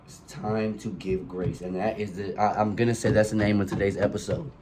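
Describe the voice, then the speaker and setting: Crowd noise sits behind this solo podcast monologue, delivered in a lowish, steady voice at a slightly quick clip. The young host has a cold and sniffles as he preaches passionately and profanely into a phone mic beneath colored lights.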